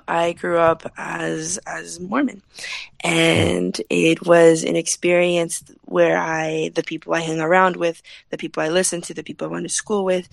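A woman's voice: on the low side, vocal fry, no echo. A young woman from Peru, a podcast guest, speaking thoughtfully and often repeating words as she searches for them. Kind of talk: casual interview talk.

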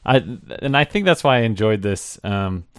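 A man's voice: lowish voice, expressive, moderate pace, a bit bright, smooth, dry recording, studio quality. A young man hosting a podcast, asking questions in a hesitant way and laughing easily. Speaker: podcast host. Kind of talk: casual interview talk.

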